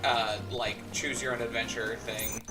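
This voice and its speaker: A young man streaming a video game, chatting casually and swearing often, with sudden loud outbursts. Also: mid-range voice, flat delivery, unhurried, recorded from a distance. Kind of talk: casual gameplay commentary. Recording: game music loud behind.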